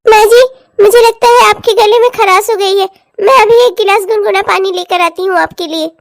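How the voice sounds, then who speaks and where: A woman's voice: extremely high pitch, steady tone, normal speed, creaky, dry recording, studio quality. A woman voicing a polite, dutiful young daughter-in-law in a cartoon, speaking sweetly and respectfully.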